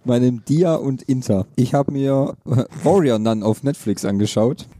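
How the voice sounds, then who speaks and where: On a casual podcast, a male co-host reviewing a series retells its plot in a rambling fashion, correcting himself and restarting often. His voice is mid-range, warm, and unhurried.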